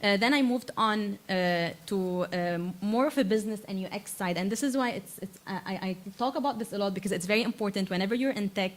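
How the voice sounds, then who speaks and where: A Lebanese woman in her thirties, an invited tech speaker, gives a conference talk to students in a medium-pitched voice, brisk with hardly any pauses. She fills her speech with frequent uh and um and self-correcting restarts of phrases.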